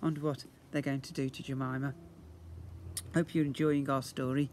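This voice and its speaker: In a noisy handheld clip from a brick-walled outdoor yard, a middle-aged man reads a children's story with animation, teacher-style, for young pupils. His voice is medium-pitched, a little mellow and fairly flat, at a moderate pace.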